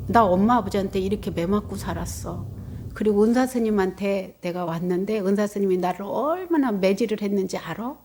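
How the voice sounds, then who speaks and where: A woman's voice: medium pitch, brisk, dark tone, slight background noise, lightly acted. A woman quoting a tearful, embittered fellow nun who speaks bluntly and plaintively in casual speech.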